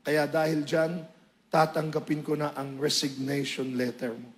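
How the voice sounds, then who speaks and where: Man putting on a grave, low-voiced boss. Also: level tone, unhurried, close to an everyday voice. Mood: solemn, heavy. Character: grave middle-aged male company boss.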